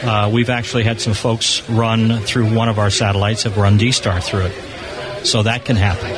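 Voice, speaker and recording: Interviewed on a noisy convention floor at an exhibition booth, an American spokesman for an amateur satellite group explains things casually and eagerly. His fairly low voice has little pitch movement and a normal speed, heard over music on a rough recording with crowd chatter behind.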